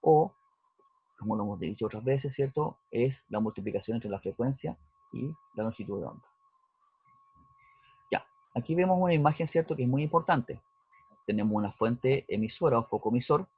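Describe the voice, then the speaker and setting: A man's voice: medium pitch, expressive, normal speed, long pauses, no room sound. A male physics teacher, talking through a recorded lesson and often checking in with his students. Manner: explanatory, checks in with "¿cierto?" and "¿ya?". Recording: dry, husky, phone-like narrowband audio.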